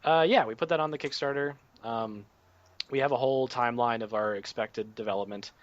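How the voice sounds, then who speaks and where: A man being interviewed about his game, talking in a relaxed, rambling way full of "like" and "um". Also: mid-range voice, a little fast, no room sound. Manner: relaxed, filler-heavy, lots of "like" and "um". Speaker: game developer guest. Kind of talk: podcast interview. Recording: dull lo-fi remote audio.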